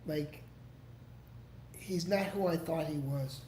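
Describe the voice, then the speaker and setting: In an echoey room with a little background noise, a male livestream host takes his time replying to viewers, meandering, cursing, and restarting repeatedly. His voice is fairly high and mellow.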